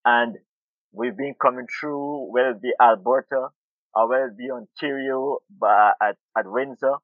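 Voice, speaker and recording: A middle-aged Guyanese man, an urban farmer and food activist, talks about farming as an interview guest, thoughtful and often repeating words while he searches for them. His mid-range voice keeps a steady tone at a moderate pace. There's no echo, though the line sounds tinny, like a phone.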